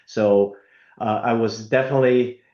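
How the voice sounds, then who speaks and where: A man from Italy, speaking as an interview guest in a halting way with many fillers and restarts. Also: mid-range voice, steady tone, darkish tone. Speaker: guest, company executive. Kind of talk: conversational interview. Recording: roomy, dull lo-fi remote audio.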